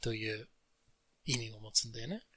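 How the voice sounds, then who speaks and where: A man's voice: fairly low pitch, normal speed, fairly bright tone, husky, no room sound. A man co-hosting a casual podcast, patiently explaining English words and mixing Japanese with fluent English. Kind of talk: casual bilingual podcast chat.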